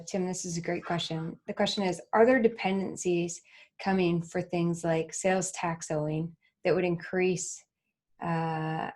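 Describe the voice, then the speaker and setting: A woman, co-hosting a software webinar and reading out audience questions in a friendly way. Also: fairly low pitch. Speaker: co-host relaying audience questions. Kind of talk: webinar Q&A moderation.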